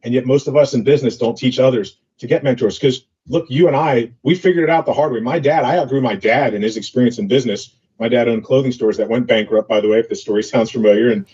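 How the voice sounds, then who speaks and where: Speaking quickly with barely a pause, the man has a mid-range, dark voice with a breathy edge. As an entrepreneur being interviewed, he shares business anecdotes casually and loosely, full of filler words, in a dull lo-fi recording.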